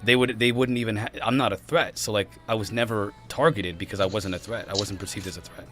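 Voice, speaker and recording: This is a man in his thirties hosting a laid-back podcast chat. His voice sits a bit low, and he talks fast, bursting into excited exclamations. Faint music plays underneath. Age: 30s. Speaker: podcast host. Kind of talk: casual chat.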